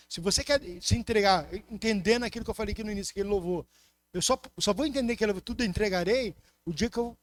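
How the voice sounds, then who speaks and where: A man preaches as a pastor in a high voice with a Brazilian Portuguese accent, his delivery impassioned and shifting between loud stresses and soft asides. The recording has no echo.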